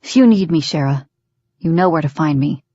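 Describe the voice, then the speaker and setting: A woman reading the part of a rough-voiced, dominant grown man in an audiobook, with clipped, commanding delivery. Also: a little fast, mellow, no room sound, lo-fi sound. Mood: stern. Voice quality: rough, low-pitched. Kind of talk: audiobook character voice.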